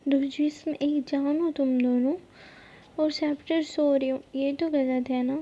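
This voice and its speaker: A woman's voice: sits high, fairly even intonation, warm tone, close to an everyday voice. A woman voicing Nosheen, a teasing, easygoing young friend, in whispered role-play. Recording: dull lo-fi recording.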